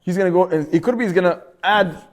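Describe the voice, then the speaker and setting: Man, high-pitched, animated synagogue Torah class, stammering repeats. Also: fast talker. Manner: animated, repeats words often, acts out quotes. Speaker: rabbi teaching a Torah class.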